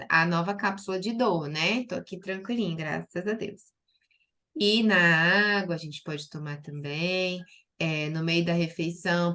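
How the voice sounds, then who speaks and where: A Brazilian woman, a doctor, giving a chatty live-stream talk to her chat, with lots of fillers and fond little words. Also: lowish voice. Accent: Brazilian Portuguese. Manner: chatty and lively, with many diminutives and filler "né".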